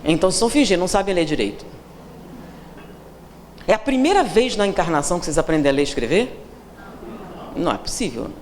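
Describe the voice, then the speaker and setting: Speaking in a lowish, darkish, sing-song voice, the Brazilian seminar speaker moves quickly but leaves long pauses. In a reverberant lecture hall with faint room noise, she teases her audience with questions and impersonates those she quotes, her accent Brazilian Portuguese.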